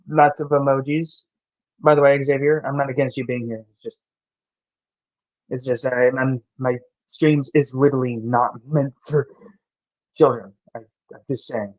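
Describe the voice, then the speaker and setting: A man's voice: medium pitch, no room sound. A young man from the American South chatting on his live stream, rambling with many restarts as he reads and answers viewers' chat. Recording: dull dry home mic.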